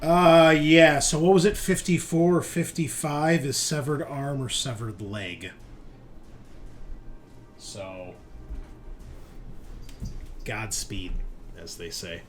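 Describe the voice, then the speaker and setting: With music playing underneath, a man whose voice sits on the high side talks slowly and pauses often. He is the game master of a tabletop roleplaying game, speaking casually and keenly and sometimes swearing.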